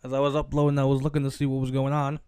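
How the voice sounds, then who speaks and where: A man's voice: mid-range voice, completely flat delivery, rapid-fire, darkish tone, smooth, dry recording. A man hosting a casual solo commentary podcast, rambling, cursing and correcting himself as he goes. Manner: rambling, self-correcting and profane. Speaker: podcast host.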